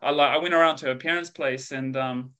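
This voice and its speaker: Fairly quick and steady in tone, the mid-range voice of this New Zealand-accented researcher in his thirties sounds bright, forceful, clear and resonant. He's a guest on a casual podcast over video call, chatting in an easygoing, slangy manner.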